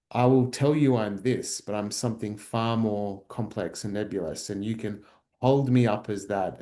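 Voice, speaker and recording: An Australian man with a lowish, somewhat mellow voice talks reflectively as a researcher in a workshop. He sounds thoughtful and searching, with many fillers and restarts.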